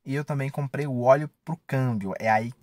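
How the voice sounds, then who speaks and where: A car vlogger in his 20s chats from a parked car in a medium-pitched, slightly dark voice at normal speed. The recording is dry, captured by a camera or phone at arm's length, and his talk is informal, slangy, and mildly profane.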